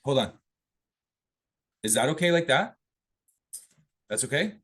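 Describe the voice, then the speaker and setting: A man's voice: medium pitch, very animated, measured pace, fairly bright tone. A man chatting casually and easygoing while checking his microphone before presenting to colleagues on a video call. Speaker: presenter at a real estate office meeting. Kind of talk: casual chat while testing audio. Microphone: own microphone on a video call.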